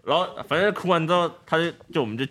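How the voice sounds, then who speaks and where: A man telling a childhood story in a casual podcast chat, animated, laughing and restarting often. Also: a little high, rapid-fire. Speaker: guest storyteller.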